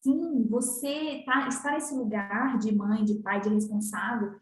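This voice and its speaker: A woman's voice: a little high, steady tone, unhurried, reverberant, slight background noise. A woman psychologist speaking in a reflective, emphatic way in conversation. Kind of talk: casual conversation.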